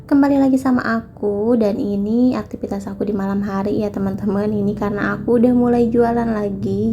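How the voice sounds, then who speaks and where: A young woman talking casually through her home cooking, full of fillers, speaking in a kitchen. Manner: chatty, relaxed, many fillers and tag phrases. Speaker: vlogger. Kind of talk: casual cooking vlog narration. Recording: faint background noise and rumble.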